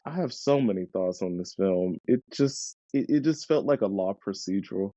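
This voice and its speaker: A man's voice: deep voice, animated, moderate pace, dark tone, dry recording, highs cut off. A man appearing as a podcast guest, sighing and unimpressed, filling his talk with "like". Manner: sighing, unimpressed, says "like" a lot. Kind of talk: casual podcast chat.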